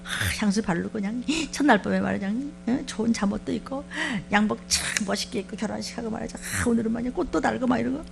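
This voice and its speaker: A woman pastor giving a sermon, talking to her congregation in a lively, conversational way and asking them many questions. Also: fairly high pitch, fast, gravelly, few pauses, noisy background.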